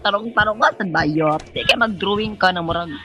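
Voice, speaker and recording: A man's voice: high-pitched, fairly quick, music in the background. A man giving campy, sassy commentary on a horror game, breaking into sudden shrieks. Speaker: gaming streamer.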